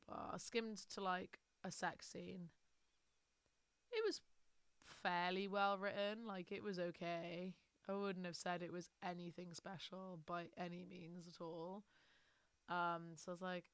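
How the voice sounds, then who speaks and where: A woman's voice: on the low side, fairly bright tone, clean tone, dry recording. A British woman streaming, chatting casually and rambling through a book review with lots of fillers.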